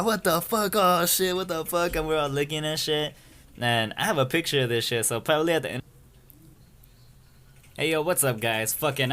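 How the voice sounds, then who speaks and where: A young man rambles through a story-time tale full of slang and cursing. His voice sits at an ordinary middle pitch. He keeps checking in with his listeners as he talks. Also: fairly bright tone. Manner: rambling, slangy and profane, keeps saying "you feel me". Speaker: storyteller vlogger.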